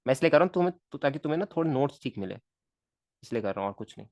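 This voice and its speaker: A man's voice: mid-range voice, lively intonation, very fast, a little mellow, no room sound. Chatty male physics teacher, dry sound. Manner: chatty, mutters to himself while drawing. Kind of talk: live online lecture.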